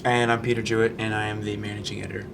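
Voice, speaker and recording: A young man from Canada, a student managing editor answering interview questions in a relaxed, rambling way with many ums. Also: lowish voice, racing, gravelly, background noise. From Fredericton, Canada. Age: young adult.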